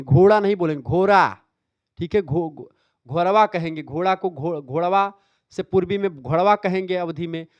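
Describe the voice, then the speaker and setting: A man's voice: high voice, clear, resonant tone, no room sound, dull audio. A male teacher giving an exam revision lecture, explaining step by step and checking in with "theek hai". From northern India. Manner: explanatory, repeats "ठीक है" often.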